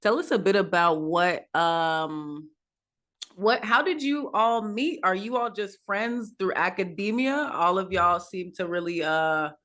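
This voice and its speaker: A woman's voice: lowish voice, expressive, measured pace, fairly bright tone. Upbeat woman hosting a video call panel. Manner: upbeat, loose, many fillers. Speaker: host. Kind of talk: online panel talk show hosting.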